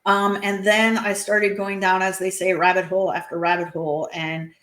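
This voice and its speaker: A woman's voice: medium pitch, level tone, normal speed, a bit bright. Earnest woman guest in an echoey room. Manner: earnest, many fillers and restarts. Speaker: guest author. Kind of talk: interview conversation.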